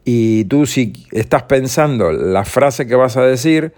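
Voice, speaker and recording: A man's voice: mid-range voice, expressive, slow pace, darkish tone. Guy rambling thru his podcast, casual, keeps restarting sentences. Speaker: podcast host. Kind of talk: casual solo podcast monologue.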